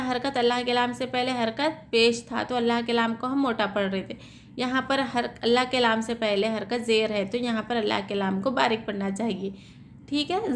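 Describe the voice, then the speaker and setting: A woman teaching tajweed, spelling out letters slowly and explaining the reading rules, checking in with "theek hai" as she goes. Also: on the high side, a little hiss or hum. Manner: slow, drawn-out syllable-by-syllable spelling.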